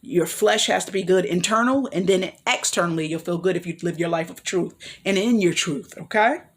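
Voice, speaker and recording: A woman's voice: on the low side, moderate pace. A woman vlogger giving an earnest motivational talk, rambling with frequent restarts and apologies. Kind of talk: motivational personal talk to camera.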